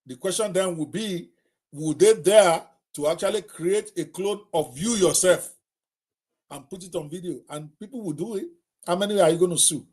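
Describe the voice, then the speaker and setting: A man's voice: high-pitched, moderate pace, darkish tone, husky. A middle-aged Nigerian man hosting a live talk, speaking emphatically and addressing viewers directly, often repeating himself. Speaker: host.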